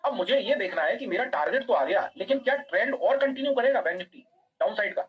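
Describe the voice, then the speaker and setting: A man teaching a live online trading class, walking through a chart fast and asking students by name whether they follow. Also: sits high, expressive, slightly rough, muffled recording.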